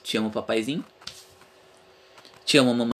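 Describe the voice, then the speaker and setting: A man's voice: mid-range voice, moderate pace, a little hiss or hum. A young man hosting a casual podcast, talking frankly and rambling, swearing freely. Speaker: podcast host.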